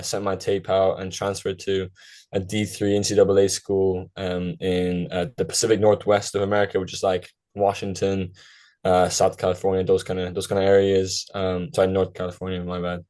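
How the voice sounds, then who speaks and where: A man's voice: low-pitched, little pitch movement, moderate pace, darkish tone. A young man who grew up in Ireland, a guest on a podcast, talking casually and rambling with lots of fillers and self-corrections. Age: young adult.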